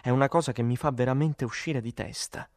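A man's voice: medium pitch, fairly quick, no room sound, clean studio sound, lightly acted. A man voicing a weary, exasperated woman who sells vitamins, swearing and emphatic, in an audiobook. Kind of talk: audiobook character voice.

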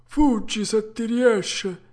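A woman's voice: on the high side, darkish tone, voice pushed up. A woman voicing a resigned, philosophical old male tuna with a harsh, cracked voice, reading a storybook aloud. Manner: slow, grave and sententious.

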